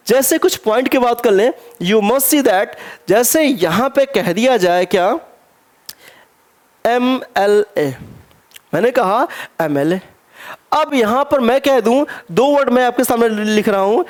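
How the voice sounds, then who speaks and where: A man teaching an exam-prep grammar lesson. He spells words out slowly letter by letter, keeps asking himself rhetorical questions and slips English phrases into his explanations. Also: very high voice.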